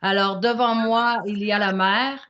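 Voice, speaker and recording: A woman's voice: medium pitch, fairly even intonation, a bit bright, lo-fi sound. A woman from Quebec with a Québécois accent, a guest artist introducing herself in a live online talk, speaking with many hesitations. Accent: Québécois French. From Quebec, Canada. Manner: slow, halting, many hesitations.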